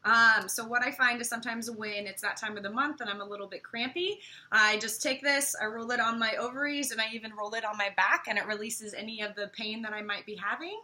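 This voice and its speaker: Cheerful American woman, casual product chat, very bright tone. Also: a little high, steady tone, fairly quick. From United States. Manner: bubbly and playful, laughs often. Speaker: co-host.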